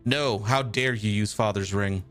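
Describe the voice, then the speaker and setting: A man voicing a menacing young necromancer tyrant in a video game, speaking slowly and indignantly. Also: fairly low pitch, a bit bright, faint music behind.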